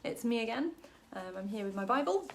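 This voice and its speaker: A Welsh woman gives a casual, chatty Bible study talk to camera, full of ums and self-deprecating jokes. Her voice sits on the high side, with lively intonation and a brisk pace.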